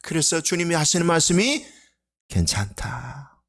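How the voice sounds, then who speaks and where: A middle-aged man preaching a Sunday sermon, with a fairly high voice that swings widely in pitch. He voices Jesus in sudden raised, emphatic bursts, then drops back to a conversational tone with the congregation. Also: animated, normal speed. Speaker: pastor.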